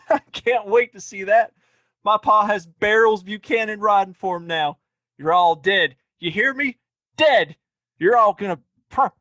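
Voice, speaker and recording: In Western audio-play acting, a man voices a cocky young frontier lawman, pitched high for a male voice. He taunts defiantly in folksy Western speech with a bright, forceful edge, unhurried, recorded close and dry with no room sound.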